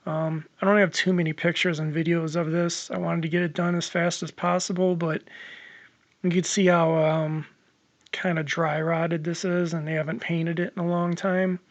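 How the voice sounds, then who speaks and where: A man's voice: a little high, flat delivery, moderate pace, no echo, lo-fi sound. A man casually narrating his home-repair project, rambling with lots of ums and the odd swear word, his voice a bit worn. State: losing his voice. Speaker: homeowner vlogger.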